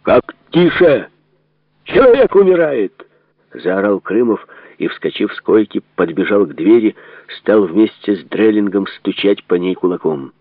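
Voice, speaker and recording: A man reading an audiobook aloud in a measured, serious delivery, in a dry phone-like narrow recording. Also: deep voice, dry recording. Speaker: narrator.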